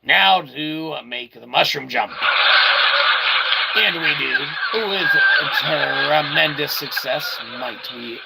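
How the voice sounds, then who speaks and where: Speaking slowly with vocal fry and a lively, slightly high voice, this video game streamer and reviewer delivers goofy, casual commentary packed with wordy catchphrases and mock-formal asides. Game audio plays behind him in a very noisy recording.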